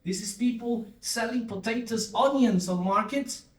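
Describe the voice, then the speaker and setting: In a large conference hall with echo and a distant mic, a CTO gives a keynote at normal speed in a very high voice. He keeps it engaging, prompting audience responses, though he uses plenty of fillers and restarts.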